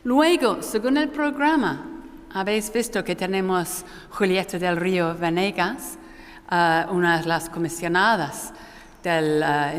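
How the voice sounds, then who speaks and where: A woman with a non-native Spanish accent moderating a conference panel, hesitant and often correcting herself, her voice echoing through a hall like in a cathedral. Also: medium pitch. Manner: hesitant delivery with frequent self-corrections. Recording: echoey hall with long cathedral-like reverb.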